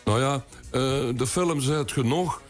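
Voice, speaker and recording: A man in his eighties with a broad Limburg Dutch accent, telling anecdotes in dialect in a folksy, unhurried interview style. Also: medium pitch, faint music behind. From Limburg, the Netherlands. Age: 80s. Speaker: guest, amateur songwriter.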